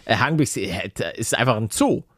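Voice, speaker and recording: A man's voice: mid-range voice, lively intonation, fairly quick, fairly bright tone, husky, no room sound, studio quality. A man chatting casually as a podcast co-host, with a bantering, grumbling, colloquial manner. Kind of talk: casual chat.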